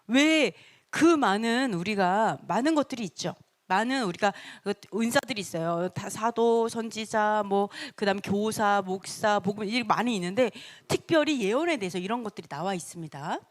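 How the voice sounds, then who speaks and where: A woman teaching a church Bible study in an animated way, acting out short quotes and laughing often. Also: mid-range voice, normal speed.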